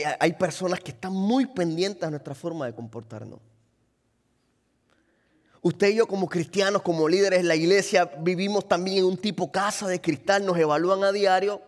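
A man's voice: sits high, big-room sound. A man preaching a sermon as a pastor, asking the congregation questions and acting out little quotes. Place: church.

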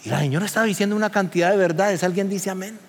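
A man preaching a sermon as pastor, animated and rising to near shouts. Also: high-pitched, rapid-fire, big-room sound, a little hiss or hum.

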